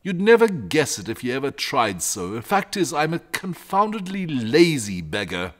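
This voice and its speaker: A man voicing a lazy, genial, talkative male dragon who rambles in fussy, old-fashioned gentlemanly phrases in a storybook reading. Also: mid-range voice, sing-song, moderate pace, voice pushed up, natural voice. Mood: chatty.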